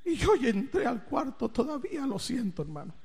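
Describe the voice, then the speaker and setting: Man, sermon storytelling, very high voice, dramatic swings, long hall reverb. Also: big pitch swings, normal speed, vocal fry, husky. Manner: dramatic storytelling with big swings in loudness and pitch.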